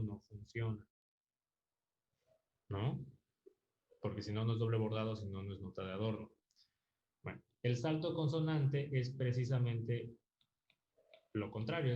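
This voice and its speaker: This is a mellow, mid-range male voice belonging to an online music theory instructor. He explains things patiently, thinks out loud with fillers, and frequently checks in through tag questions, all in a dull, roomy lo-fi recording.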